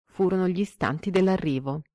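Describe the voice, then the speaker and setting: Woman narrator, lowish voice, measured literary reading, dry close recording. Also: dry recording. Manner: measured, expressive reading with lively quoted dialogue.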